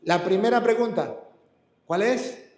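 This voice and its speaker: A man preaching as a priest, emphatic and then slowing to a calm hush on key words. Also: sits high, reverberant. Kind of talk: sermon teaching scripture reading.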